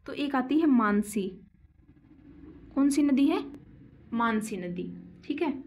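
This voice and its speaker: Slow, mellow-voiced woman teaching. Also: a little high. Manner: repeats key names and quizzes listeners with questions; slow and deliberate, drawing on a board while explaining. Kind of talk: geography lesson for exam students.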